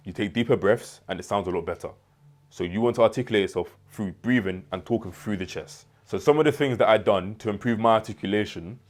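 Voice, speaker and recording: Young man, lowish voice, rapid earnest self-help delivery to camera. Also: darkish tone. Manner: earnest and advising, with repetitions and restarts. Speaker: self-improvement creator. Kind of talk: motivational talk to camera.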